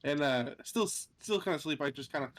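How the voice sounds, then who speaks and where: A relaxed player chats during a tabletop game, often laughing. The voice comes from a bit away from the mic. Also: mid-range voice, fairly quick. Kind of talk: casual tabletop play.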